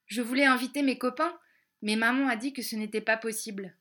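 A woman reading a children's storybook aloud, slowly and carefully spelling out each word, with little English lessons woven in. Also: on the high side, fairly even intonation, pushed and bright. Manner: slow, careful, clearly spelled-out words. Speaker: audiobook reader.

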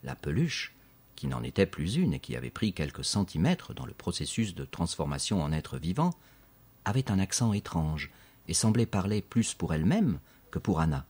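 Reading a children's story aloud at a moderate pace, a man narrates steadily and expressively. His voice is very deep and breathy with a husky grain, and he paces scenes like an experienced audiobook reader.

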